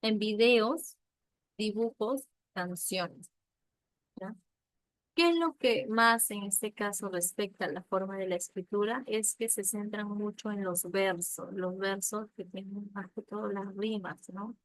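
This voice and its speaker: A woman's voice: medium pitch, dry recording, rough recording. Woman teaching a class, dry close sound. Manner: checks in often with a questioning "ya?"; explains slowly and patiently with examples. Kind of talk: recorded literature lesson.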